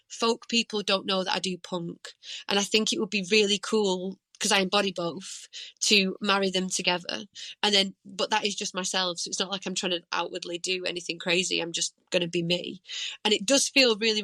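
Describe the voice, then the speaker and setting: A woman's voice: mid-range voice, fairly even intonation, normal speed, sharp tone, dry recording. A woman folk singer talking candidly as a guest in a casual interview. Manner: candid, chatty storyteller.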